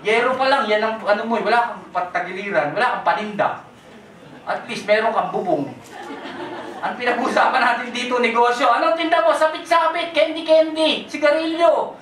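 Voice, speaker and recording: A presenter pitches a business opportunity to a live crowd, quizzing people with quick questions and teasing jokes. The voice sits at a middle pitch and sounds distant from the mic. It rings through a reverberant event hall. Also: fairly bright tone, slight background noise. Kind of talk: lively sales pitch, mixing Tagalog with English.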